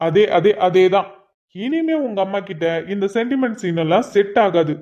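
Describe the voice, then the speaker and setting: A man's voice: high-pitched, expressive, normal speed, a little mellow. A man voicing a teasing young husband and father in a cartoon, chatty and full of joking asides. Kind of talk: cartoon voice acting. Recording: dull lo-fi recording.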